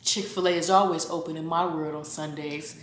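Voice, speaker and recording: A woman vlogger doing a playful skit with her girlfriend, deadpan and prone to sudden shouts. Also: deep voice, normal speed, heavy reverb, slight background noise. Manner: deadpan, then bursts into shouting.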